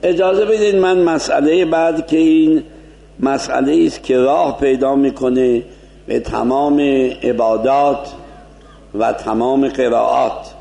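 A man teaching a seminary lecture as a cleric, explaining points and slowly demonstrating Arabic pronunciation. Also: medium pitch, fairly even intonation, creaky, warm tone, roomy sound.

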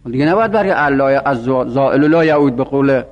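A man's voice: mid-range voice, animated, long reverb tail, dull audio. A man teaching Arabic grammar in a classroom lecture, explaining rules and asking rhetorical questions. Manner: explanatory, rhetorical questions, speaks for the word itself.

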